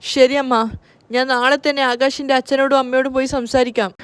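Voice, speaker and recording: Woman doing a worried brother, high voice, gentle coaxing, no real lowering. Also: level tone, fairly quick, clear, resonant tone, natural voice. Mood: concerned. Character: worried young adult brother.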